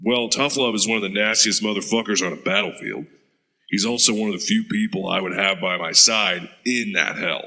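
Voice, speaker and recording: A man acts the part of an interrogated war veteran for an audio drama, gruff and recounting, blunt and profane as a hardened soldier would be. His lowish voice is bright and forceful, a little fast, captured in dry, poor-quality audio.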